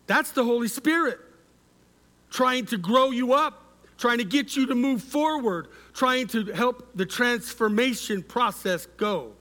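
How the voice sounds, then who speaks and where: A middle-aged male pastor preaching a sermon, measured and repetitive for emphasis, often asking the congregation to respond. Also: very high voice, pushed and bright. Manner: measured, repeats key words for emphasis.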